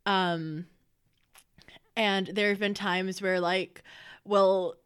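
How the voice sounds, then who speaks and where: A woman hosting a podcast in casual chat, relaxed, laughing along and telling stories with quoted asides. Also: medium pitch, drawn-out words, smooth. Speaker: podcast host.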